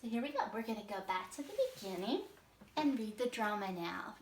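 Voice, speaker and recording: A woman's voice: medium pitch, lively intonation, a little fast, a little hiss or hum. A woman teaching kindergarteners, patiently explaining a story step by step in a read-aloud lesson. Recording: echoey room, mic at a distance.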